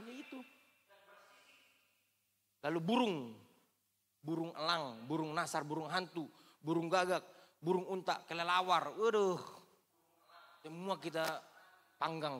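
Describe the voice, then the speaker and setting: A woman from Indonesia preaching a sermon, lively and joking with the congregation, with big swings in pitch and loudness. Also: long reverb tail. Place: church hall.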